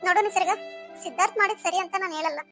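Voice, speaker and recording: A woman's voice: very high-pitched, very fast, fairly bright tone, soft background music. A woman voicing a caring older sister figure in a cartoon story, coaxing and soothing as she talks.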